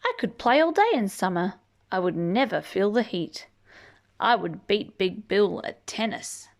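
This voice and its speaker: Reading to young children, a woman stretches her words and keeps her pitch bouncing with playful energy. The delivery is unhurried with some creakiness. She breaks into asides and leans on long, drawn-out emphasis.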